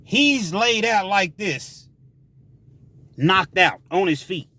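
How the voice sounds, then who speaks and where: A man telling a story from prison life in a casual, emphatic way, with shouted sound effects. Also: high-pitched, animated, slow pace, no echo.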